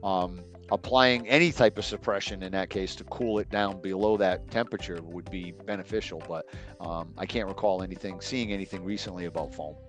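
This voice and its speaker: Man, low voice, middle-aged, halting speech full of ums, faint music under it. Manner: hesitant, many ums, trailing off. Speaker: guest expert. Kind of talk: casual online webinar talk.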